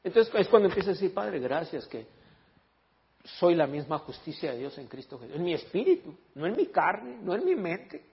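A man preaching to his church with a husky, slightly high voice. He tells lively stories and jokes with the congregation between points. The sound is dull and lo-fi, with a long reverb from the hall. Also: normal speed. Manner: animated storytelling, joking with the congregation; reads scripture in English and Spanish. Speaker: pastor. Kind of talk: sermon.

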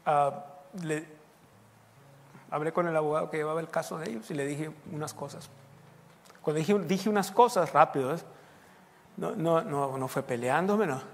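A man's voice: on the high side, gravelly, in a large hall. A man preaching a sermon as pastor, telling stories with laughter and breaking into short prayers and praises. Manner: lively storytelling with laughter and prayer interjections. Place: church sanctuary.

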